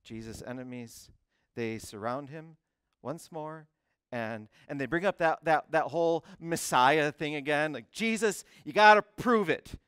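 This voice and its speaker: A male pastor preaching a sermon, animated, often restarting words and phrases before driving a point home. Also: on the high side, unhurried, clean tone, no room sound. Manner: animated preaching with frequent repeated starts.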